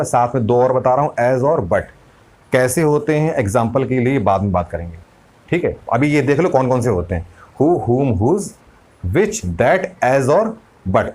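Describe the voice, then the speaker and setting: Male teacher, medium voice, walks students through grammar rules, slows down for examples. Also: mid-range voice, a little mellow, low-quality recording. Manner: explains step by step, often asks and answers his own questions; slows right down to read out example sentences. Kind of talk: casual classroom-style explanation.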